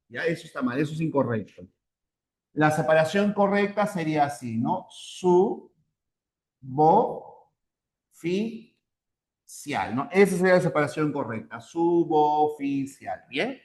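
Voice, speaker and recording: A man's voice: on the high side, expressive, fairly quick, roomy sound. A man teaching a language class, explaining step by step, repeating points and checking in with short tag questions. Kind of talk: online class lecture.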